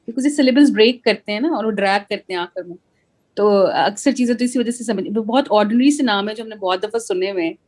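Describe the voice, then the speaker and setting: A woman taking part in a study circle discussion, frank and casual, mixing in English phrases. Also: a little high. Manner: frank, mixes in English words.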